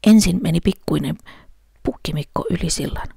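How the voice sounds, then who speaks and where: Female children's storyteller, low husky voice, dry close sound. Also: warm tone, no echo.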